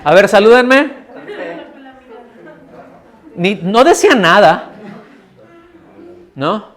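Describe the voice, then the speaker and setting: Middle-aged man, fairly high-pitched, pastor giving a conversational sermon in a church hall and acting out the voices he quotes. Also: very animated, drawn-out words, a bit bright, some chatter behind. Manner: conversational preaching, asks the audience questions, acts out quoted voices.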